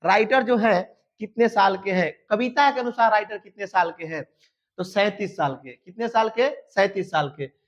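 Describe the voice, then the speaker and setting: A man with a Bihari accent teaching a class, reading English verse slowly and then explaining it line by line. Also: high-pitched, dull audio. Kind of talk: Hindi lecture explaining an English poem.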